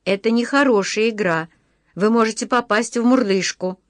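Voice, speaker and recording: A woman voicing a calm, stern older neighbour who speaks in a quiet, reproachful way. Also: on the high side, normal speed, dry recording, natural voice.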